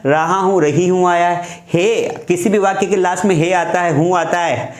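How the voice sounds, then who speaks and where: Brief: male teacher, voice pitched a little high, patient step-by-step explainer, echoey room. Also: fairly even intonation, moderate pace. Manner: explains step by step, repeats examples. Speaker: English teacher. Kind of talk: classroom grammar lesson.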